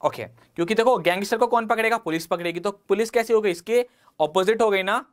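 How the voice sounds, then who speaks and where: A man with an Indian English accent and a high, brisk voice teaches an exam-prep vocabulary lesson. Mixing Hindi with English, he explains words using everyday examples and puts rhetorical questions to the class.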